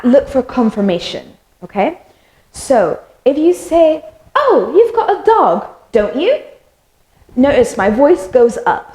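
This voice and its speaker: A woman teaching English, giving a calm, clear explanation of intonation. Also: fairly high pitch, echoey room, low-quality recording.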